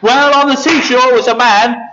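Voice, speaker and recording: A man's voice: very high voice, moderate pace, dull audio, a little hiss or hum. A man telling an interactive Bible story to children, directing them to act out the scenes. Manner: directs listeners to act parts, animated.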